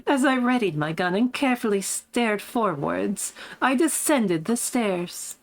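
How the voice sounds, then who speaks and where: A woman voicing a smug, posh woman narrating her own story in first person, reading visual novel text aloud in a measured voice. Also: mid-range voice, animated, poor audio. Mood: tense.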